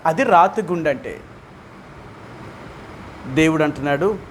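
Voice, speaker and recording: A man with a Telugu accent leads a Bible study as pastor, with a high voice. He speaks emphatically and keeps asking his listeners questions. Faint vehicle noise sits low behind him. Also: lively intonation, unhurried.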